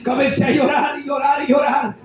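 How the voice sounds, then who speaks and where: Shouting high-voiced evangelist in an echoey church. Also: male voice, level tone, fairly quick, far from the mic, faint music behind, some chatter behind. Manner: impassioned, shouting, preacherly. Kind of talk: shouted testimony sermon.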